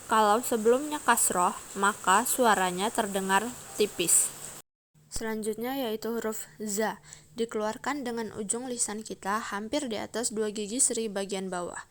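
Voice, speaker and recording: A woman's voice: mid-range voice, fairly bright tone, a little hiss or hum. A young woman from Indonesia giving a recorded pronunciation lesson, explaining and modelling each sound in a careful, instructive way. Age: young adult. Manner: slow, careful, instructive delivery. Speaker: student.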